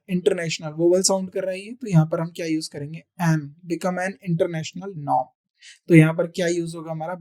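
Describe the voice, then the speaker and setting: A teacher giving an exam-prep grammar lesson, who asks the class questions, answers them, repeats key answers and reads example sentences slowly. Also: medium pitch, mellow.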